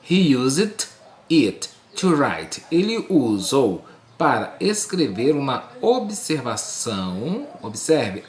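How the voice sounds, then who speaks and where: Slow, deliberate Brazilian male teacher. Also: mid-range voice, echoey room, slight background noise. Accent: Brazilian Portuguese. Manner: slow, deliberate, repeats and translates each phrase. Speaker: English teacher. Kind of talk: recorded online language lesson.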